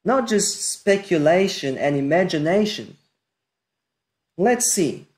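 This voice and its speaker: Slow, low-voiced woman teaching scripture. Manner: reads Hebrew aloud and translates, explaining word by word; calm, deliberate and explanatory. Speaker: Bible teacher. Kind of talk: screen-share scripture lesson.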